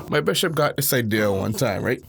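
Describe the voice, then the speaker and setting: A man's voice: medium pitch, gravelly, slight background noise. A man co-hosting a casual podcast, mocking and ranting with frequent laughter. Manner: laughs often, mocking and animated. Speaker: podcast co-host. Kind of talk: casual comedic rant.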